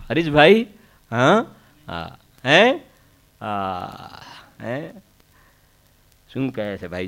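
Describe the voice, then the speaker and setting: A man's voice: mid-range voice, fairly bright tone. A man giving a religious discourse, repeating points with emphasis and prodding listeners with short questions. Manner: frequent questioning interjections to listeners; repetitive, emphatic teaching with proverbs. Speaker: Jain spiritual lecturer.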